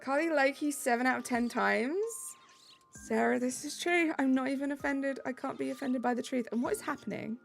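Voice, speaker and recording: With a brisk pace and vocal fry in her high-pitched voice, this British woman chats casually on her game stream. She reads her viewers' messages aloud in a bubbly way over light music.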